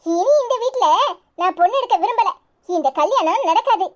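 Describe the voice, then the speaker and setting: A woman playing a sharp-tongued, high-voiced mother-in-law. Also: lively intonation, normal speed. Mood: scornful. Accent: Tirunelveli Tamil. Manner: scolding, indignant. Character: groom's mother, middle-aged woman, proud and sharp-tongued.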